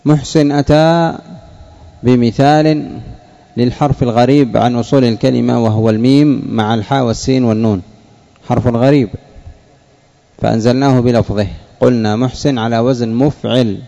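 Man, sheikh teaching a class, slow deliberate delivery, repeats words, questions students, dull lo-fi recording. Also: mid-range voice, steady tone, gravelly, mellow. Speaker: sheikh teaching Arabic morphology.

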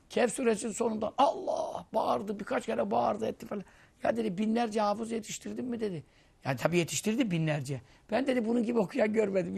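A man's voice: vocal fry, slightly rough. A man giving a conversational religious lesson, telling anecdotes and acting out the people he quotes. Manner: storytelling, acting out quoted voices, lively swings in pitch and loudness. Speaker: Islamic preacher teaching hadith.

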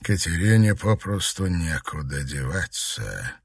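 A man doing a low, menacing demon lord. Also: sing-song, slightly rough, dry recording, clean studio sound, heavily acted. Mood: assured. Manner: slow, hard, quiet menace. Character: cold ruthless demon lord possessing a youth.

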